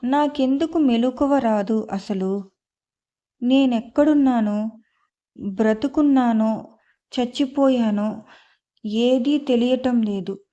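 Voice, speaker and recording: A woman's voice: a little high, slow pace, pauses often, mellow. A woman voicing a frightened young woman, weak and pleading, in a storybook reading. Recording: slightly muffled lo-fi.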